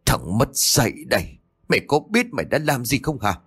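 A man's voice: medium pitch, very animated, moderate pace, slight background noise, natural voice. A man voicing a stern, furious older male clan head who scolds harshly and wails in grief, in a spoken ghost story. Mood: furious scolding.

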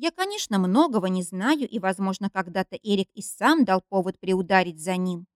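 Audiobook reader: woman, first-person, wry and expressive, lively pitch, dry close mic. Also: normal speed, no room sound. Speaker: audiobook narrator.

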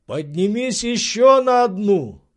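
A man reading an audiobook, voicing an excitable eccentric gentleman who shouts urgent orders. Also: high voice, slow pace, voice pushed up, full character voice. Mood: commanding. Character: excitable eccentric gentleman, frantic treasure hunter.

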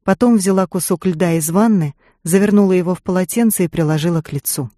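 An audiobook reader giving calm, even scripted narration. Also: mid-range voice, fast, dry recording, clean studio sound.

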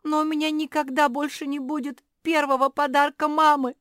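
A woman's voice: high-pitched, fairly even intonation, measured pace, no room sound, clean studio sound, pitched above the performer's own voice. A woman voicing a tearful little pug girl who is crying, in a storybook reading. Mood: sobbing.

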